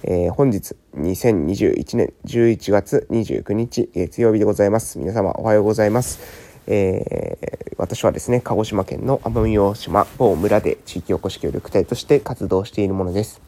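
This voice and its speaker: A man hosting a solo morning talk show, hoarse from just having woken up, speaking politely with many hesitant fillers. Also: lowish voice, normal speed, dark tone. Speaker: podcast host.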